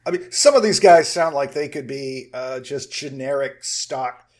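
A man hosting a podcast, casually reviewing a movie in a measured, talkative way with frequent "uh" fillers. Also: medium pitch, a little mellow. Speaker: film review podcast host.

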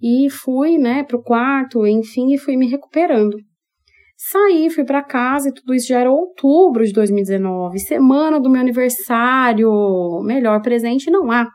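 A Brazilian woman hosts a podcast and tells a personal story in a candid, expressive monologue. She talks straight to her listeners. Her voice sits a little high and has a warm, mellow tone. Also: moderate pace. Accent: Brazilian Portuguese. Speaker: podcast host.

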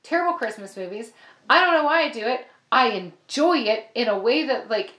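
A woman co-hosting a casual chat, animated, laughing often and swearing freely. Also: on the high side, moderate pace. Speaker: podcast co-host. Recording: roomy echo.

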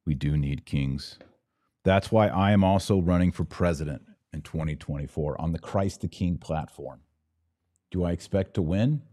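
This live-show podcast host is an American man whose voice is deep and dark. He reads out comments and answers them with forceful repeats, sounding chatty and full of opinions at a moderate pace. The recording is close-miked and dry, with almost no room.

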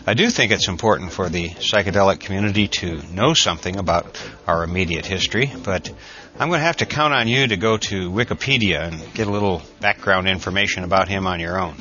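An older American man giving a conversational, reflective introduction in a measured storytelling way, like a podcast host. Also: sits low, sharp tone, dull audio. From United States.

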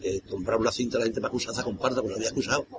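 Rambling older man, brisk. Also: lowish voice, steady tone. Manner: rambling, colloquial, keeps saying "tío". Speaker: carnival troupe singer. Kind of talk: interview. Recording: noisy ambient background.

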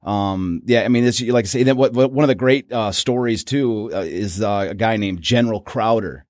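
A man's voice: fairly low pitch, moderate pace, darkish tone, dry recording, clean studio sound. A man co-hosting a casual sports history podcast, rambling with many restarts. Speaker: podcast co-host.

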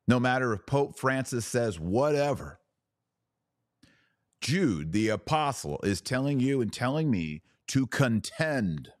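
In this clean studio recording with no echo, a man with a mid-range voice hosts a podcast. He delivers opinionated religious commentary like a preacher, emphatic and full of rhetorical questions and sarcastic asides.

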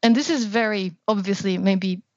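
A woman's voice: mid-range voice, normal speed, no echo. Academic woman on a podcast, keeps asking "right?", dry muffled sound. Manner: thoughtful, hedging with "right?" and "you know". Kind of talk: casual academic discussion.

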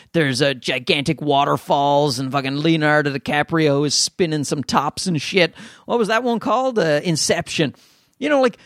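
A man's voice: fairly high pitch, a bit bright, no echo, clean studio sound. A man with a Newfoundland accent doing a casual solo podcast rant, rambling, self-deprecating and sweary. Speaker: podcast host and amateur comedian.

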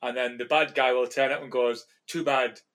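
A man's voice: mid-range voice, flat delivery, a little fast, fairly bright tone. A tired man co-hosting a casual gaming podcast, making dry, wry asides. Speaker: podcast co-host.

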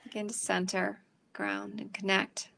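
Woman meditation guide, soothing and unhurried, with a gravelly voice. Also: medium pitch. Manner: slow, calm and soothing, with pauses between phrases.

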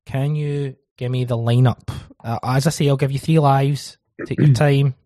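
A man's voice: mid-range voice, little pitch movement, normal speed, mellow, no echo. A Scottish man with a broad everyday accent, chatting casually about football as a podcast host.

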